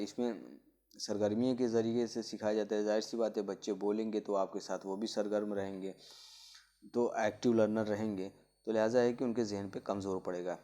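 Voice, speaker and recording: A man giving an exam-prep lecture on teaching methods, explaining slowly with many fillers and spelling out letter sounds. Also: fairly low pitch, darkish tone. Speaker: Urdu pedagogy teacher.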